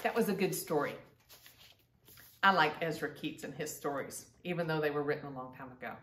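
Reading to her grandchildren indoors in a living room, a middle-aged woman shares a picture book aloud and chats with the little ones in plain language. She has a deep, somewhat bright voice and talks fairly quickly. The audio has a roomy echo from a faraway mic, plus slight background noise.

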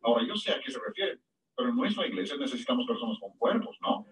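A man preaches a sermon, his voice leaping up in pitch on the words he stresses. He sounds lively and expressive. He is set back from the mic, so the church room is heard around him. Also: fast, far from the mic, low-quality recording. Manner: animated preaching with sudden high-pitched emphasis.

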